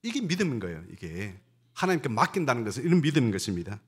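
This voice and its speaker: A man preaching as a pastor, telling stories in an animated way and putting questions to his congregation. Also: mid-range voice, very fast, slightly rough. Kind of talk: sermon.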